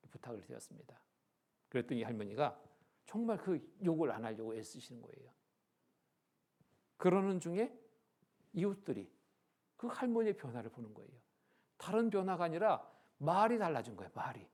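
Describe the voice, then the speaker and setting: A male pastor telling a story in a church sermon, animated, acting out the dialogue and swinging from loud to hushed. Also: on the high side, gravelly. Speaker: pastor, Bible lecture speaker. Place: church sanctuary.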